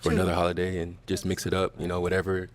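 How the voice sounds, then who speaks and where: A man's voice: low voice, monotone, very fast. A man on a dating show talking in a laid-back, rambling way, full of "you know" and "um". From grew up in the Valley, born in Illinois. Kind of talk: casual dating show conversation.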